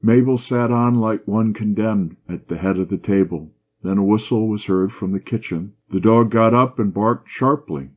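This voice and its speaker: A man narrating a classic short story in a measured, low-key manner. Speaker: audiobook narrator. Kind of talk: scripted narration. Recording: dull lo-fi audio.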